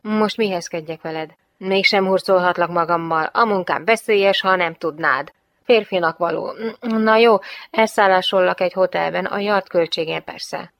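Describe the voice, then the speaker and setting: A woman voicing a gruff, sarcastic male police lieutenant who grumbles. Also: on the low side, fairly bright tone, no echo. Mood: grumbling.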